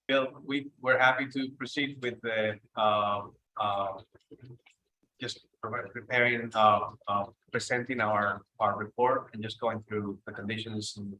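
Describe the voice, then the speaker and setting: A Cuban man with a Cuban Spanish accent presents an architectural preservation report over a video call at a public meeting, hesitant and often restarting his words. His lowish voice is steady, measured and sharp, and the audio is poor.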